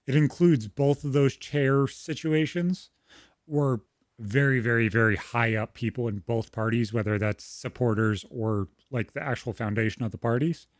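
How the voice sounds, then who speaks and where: A man's voice: mid-range voice, fairly even intonation, moderate pace, no echo, studio quality. A man co-hosting a casual podcast, talking politics bluntly with plenty of swearing. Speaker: podcast co-host.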